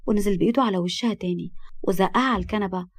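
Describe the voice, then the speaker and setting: Brisk Egyptian woman storyteller. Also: medium pitch, no echo. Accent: Egyptian Arabic. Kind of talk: romance story narration.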